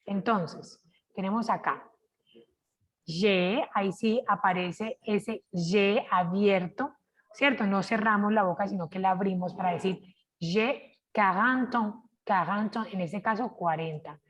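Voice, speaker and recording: Her screen shared for an online French lesson, a Colombian teacher with a Colombian Spanish accent speaks at a relaxed pace in a medium-pitched female voice. She stops now and then with "¿cierto?" to see if the group understands, and repeats each expression slowly and with careful pronunciation.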